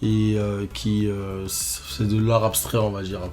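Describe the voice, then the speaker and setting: A man's voice: lowish voice, completely flat delivery, slow, a little mellow, soft background music. A man in his thirties from Martinique, a guest tattoo artist talking casually, with many fillers and restarts. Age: 30s. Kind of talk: casual interview chat.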